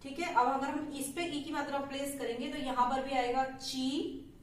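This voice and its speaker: A woman teacher patiently explaining letter sounds to small children, stretching out syllables slowly and checking in often. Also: high-pitched, fairly even intonation, slight background noise. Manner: patient, slow, drawn-out syllables with frequent "theek hai". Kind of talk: Hindi phonics lesson for young children. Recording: echoey room, mic at a distance.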